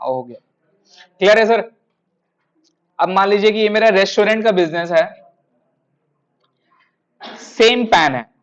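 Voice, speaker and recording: A man teaching a classroom tax lesson, telling a lively story and addressing students as sir. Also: high-pitched, a little slow, pauses often, dull audio. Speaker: tutor. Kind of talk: classroom lecture with anecdote.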